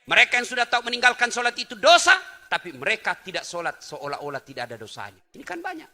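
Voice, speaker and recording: Animated man preaching, bright voice. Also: high voice, fast talker. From Indonesia. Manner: animated, swings from loud exclamations to soft asides, acts out little scenes. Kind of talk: lively sermon to a live audience.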